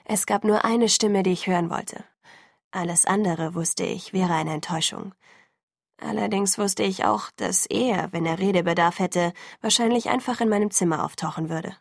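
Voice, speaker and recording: A woman narrating a first-person novel as an audiobook in a measured, even way. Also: mid-range voice, vocal fry, dry recording, clean studio sound. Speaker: audiobook reader.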